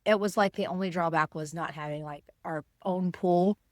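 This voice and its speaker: A woman's voice: lowish voice, moderate pace, darkish tone, no echo, studio quality. A woman co-hosting a podcast, sounding upbeat and filling her talk with "like". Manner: upbeat, lots of "like". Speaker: podcast co-host. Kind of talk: casual podcast chat.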